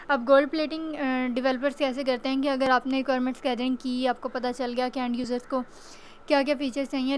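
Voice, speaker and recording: A woman gives an exam-prep lecture in a high, fairly flat voice. She explains each point step by step and slows right down whenever she reads English slide text. A faint hum of room noise sits behind her. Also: low-quality recording.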